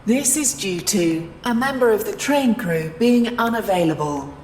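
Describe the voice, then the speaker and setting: A woman's voice: medium pitch, lively intonation, a little slow, darkish tone. A woman giving scripted train station announcements in a formal manner, phrase by phrase like pre-recorded segments. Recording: echoey station PA, long reverb, ambient noise.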